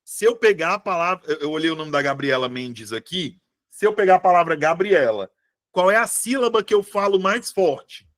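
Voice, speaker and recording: Man, teacher, live online class, chatty, keeps asking if students follow, slightly high voice. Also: lively intonation, moderate pace. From Brazil. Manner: chatty, asks students constant checking questions. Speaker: Portuguese teacher for civil service exam prep.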